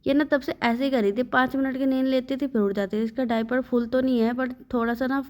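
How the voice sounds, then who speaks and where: A woman's voice: high voice, fairly even intonation, quick pace, a little mellow. A young woman vlogging her day at home with her baby, weary and short on sleep, talking to the viewer about her aches and troubles. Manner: weary, complaining, talks to the viewer. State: sleep-deprived and in pain. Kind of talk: casual vlog narration. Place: at home, by the front door.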